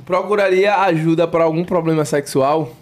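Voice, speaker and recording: A man co-hosting a podcast, teasing the guests with quick banter. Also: fairly high pitch, steady tone, slight background noise. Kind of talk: casual podcast chat.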